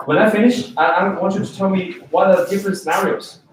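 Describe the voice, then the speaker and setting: A man with a high-sitting voice talks fast over a slight hiss or hum. Originally from China and speaking with a Chinese accent, he gives a lively classroom lecture for an English test class, regularly checking in with and questioning students, recorded far off in an echoey space.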